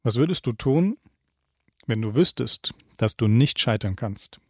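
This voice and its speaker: Calm German man posing coaching questions. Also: medium pitch, unhurried, slightly rough, no room sound, studio quality. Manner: calm, addresses the listener directly with questions. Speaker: self-help coach. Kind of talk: reflective self-help talk.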